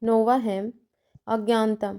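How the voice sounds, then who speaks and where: Mellow-voiced woman lecturing point by point. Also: on the high side, little pitch movement, slow pace. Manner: methodical, enumerating numbered points with examples; checks in with "theek hai" between points. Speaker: teacher educator.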